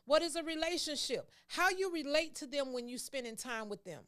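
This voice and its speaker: A woman's voice: high-pitched, animated, brisk, fairly bright tone. A woman co-hosting a casual faith talk show, speaking in an earnest, teaching tone. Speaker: co-host.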